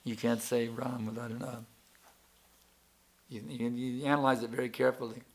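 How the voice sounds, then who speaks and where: A man's voice: mid-range voice, level tone, normal speed. A man teaching as a spiritual teacher in a devotional question-and-answer talk, explaining patiently and chanting examples.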